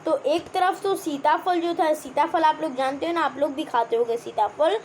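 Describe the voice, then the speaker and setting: High-pitched young woman teacher going through a kids story, keeps asking the class stuff, bit of hiss behind. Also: normal speed, a little mellow. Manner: repeats and explains words, asks the class questions. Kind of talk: explaining a children's textbook chapter.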